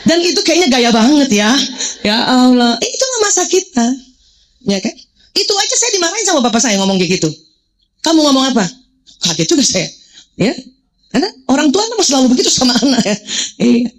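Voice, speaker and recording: A woman's voice: high voice, big pitch swings, fairly quick, poor audio. A woman in her forties giving a religious parenting talk to mothers, joking and quizzing the audience. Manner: playful, jokes and quizzes the audience.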